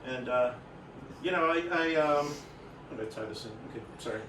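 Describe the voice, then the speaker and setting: A man's voice: medium pitch, brisk, heavy background noise. A middle-aged man of Greek heritage doing stand-up at a private party, rambling, self-deprecating and teasing the crowd. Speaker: comedian. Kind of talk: stand-up comedy. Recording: roomy distant party recording.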